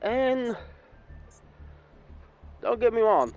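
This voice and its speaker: A man's voice: extremely high pitch, expressive, very slow, a little mellow, faint music behind. A man in his twenties from California giving casual, rambling gameplay commentary and correcting himself as he goes. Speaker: gaming YouTuber.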